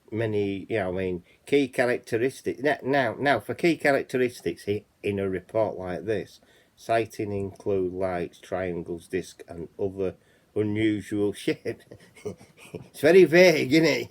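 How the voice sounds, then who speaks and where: Speaking at a measured pace in a lowish voice, this Yorkshire-accented channel host keeps things casual. He reads reports aloud and wanders off on tangents, frequently adding "you know what I mean".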